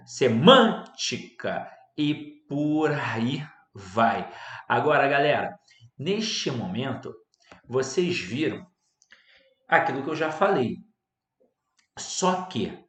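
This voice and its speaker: A man with a Brazilian Portuguese accent teaches grammar to students online. He talks with energy and pushes words out loudly to show the strong syllable. The sound has a roomy echo. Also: medium pitch.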